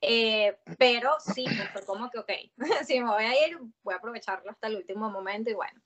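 Lively Venezuelan woman, laughing guest. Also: a little high, brisk, crowd noise. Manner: lively, laughs often, swears casually. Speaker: podcast guest. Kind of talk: casual podcast chat.

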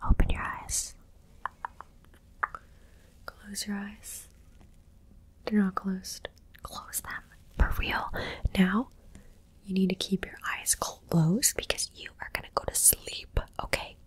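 A woman whispering an ASMR roleplay in a soft, teasing and playfully bossy way. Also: medium pitch, level tone, takes it slowly, long pauses. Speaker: ASMR creator.

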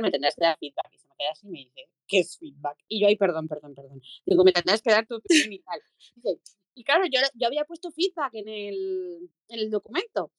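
A woman's voice: medium pitch, dry recording. A woman from Spain telling anecdotes in a casual online group chat, laughing often and acting out the dialogue. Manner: laughing storyteller, acts out dialogue. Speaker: guest. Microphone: online audio room.

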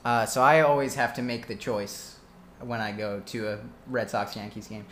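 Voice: medium pitch, fairly even intonation, normal speed, a bit bright, a little hiss or hum. A podcast co-host who grew up in the greater Boston area, joking and swearing in casual chat. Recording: echoey room.

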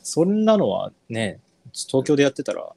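A man from northern Kyushu, Japan, co-hosting a podcast in relaxed, chatty conversation, often trailing off and restarting. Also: medium pitch, normal speed, gravelly, dry recording. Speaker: podcast co-host. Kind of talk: casual chat.

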